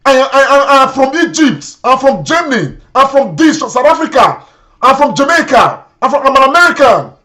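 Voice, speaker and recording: A man's voice: very high-pitched, very animated, normal speed, pushed and bright. A man with a Nigerian accent hosting a show, giving indignant political commentary, repeating himself and slipping into Pidgin. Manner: indignant, repetitive, mixes in Pidgin. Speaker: host.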